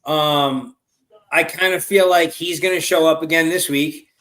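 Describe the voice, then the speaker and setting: A man from New York talks football in a quick, conversational way. His voice sits fairly high. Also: steady tone, fairly bright tone, rough recording. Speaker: panelist. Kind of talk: casual sports chat.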